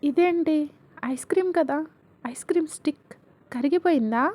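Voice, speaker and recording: Storybook role: gentle small boy, soothing, woman narrator puts him on; higher pitch, warm tone. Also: normal speed, lightly acted. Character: little boy, gentle and caring.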